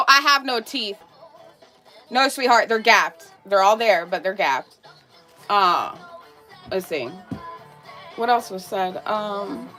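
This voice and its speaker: A woman's voice: mid-range voice, fairly bright tone. A woman streamer talking casually, ranting in a heated, sarcastic and profane way.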